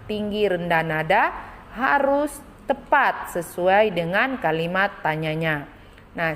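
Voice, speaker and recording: A woman primary school teacher giving a recorded lesson to young children, speaking slowly and clearly with much repetition. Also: lowish voice, a bit bright, long reverb tail, slight background noise. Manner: slow, clear, repetitive teaching voice with rising sing-song questions.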